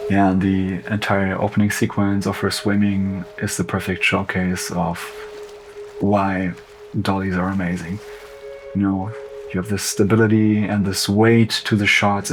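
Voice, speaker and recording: A cinematographer with a German accent talking through a film breakdown in a relaxed, loose way, full of "like" and "you know". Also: male voice, deep voice, moderate pace, over music. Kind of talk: casual behind-the-scenes commentary.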